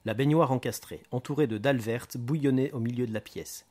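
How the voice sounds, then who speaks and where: A man narrating a crime novel excerpt in a steady, measured reading voice. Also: medium pitch. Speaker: reader. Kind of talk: audiobook narration.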